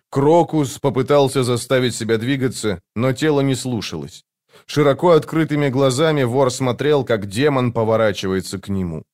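A male narrator reads fantasy prose in a steady, measured manner. His voice sits at an ordinary middle pitch. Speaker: audiobook narrator.

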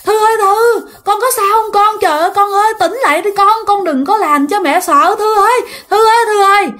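A woman's voice: a little fast, fairly bright tone. A woman voicing a frantic mother who wails in panic over her unconscious daughter. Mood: wailing, panicked. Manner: shrill wailing cries.

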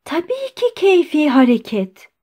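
A woman reader voicing an aging male doctor who pleads in a high, trembling, strained voice. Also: lively intonation, measured pace, darkish tone. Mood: desperate pleading.

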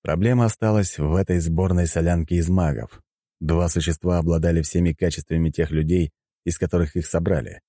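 A man narrating an audiobook in the first person with animated storytelling. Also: low-pitched, a little fast, no echo.

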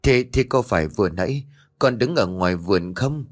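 A man's voice: on the low side, expressive, moderate pace. A man voicing a frightened elderly mother who stammers and trembles, in an audiobook ghost story. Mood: shaken.

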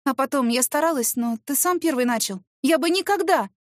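A woman's voice: animated, fairly quick, dry recording, clean studio sound. Woman acting a flustered young secretary. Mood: agitated, pleading. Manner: shrill, pleading, exclaiming.

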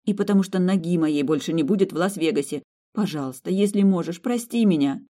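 Narrator voicing a flustered young doctor bride. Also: female voice, fairly low pitch, a little fast, dark tone, pitched above the performer's own voice, close to an everyday voice. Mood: pleading. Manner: pleading, eager to please.

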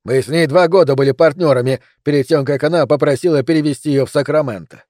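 A gruff, aging police captain, played by a man, trades wry banter in a raised, pushed-up voice. The tone is dark and mellow, and the take is dry and close-miked. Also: on the high side, quick pace, dry recording, lightly acted.

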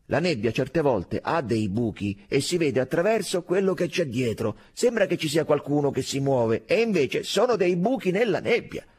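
A man voicing young soldiers who argue loudly and shout. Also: sits high, wildly swooping pitch, brisk, husky, pitched above the performer's own voice, exaggerated voice. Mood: quarrelsome. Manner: loud, shouting, quarrelsome. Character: rowdy young male soldiers arguing.

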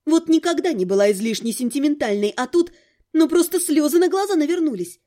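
A woman reading a first-person audiobook with expressive, lively storytelling. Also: high-pitched, brisk. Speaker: audiobook narrator.

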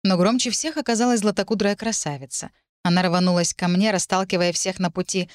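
A woman narrating a first-person audiobook in an expressive, wry manner, close on the mic. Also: mid-range voice, fairly quick, no room sound.

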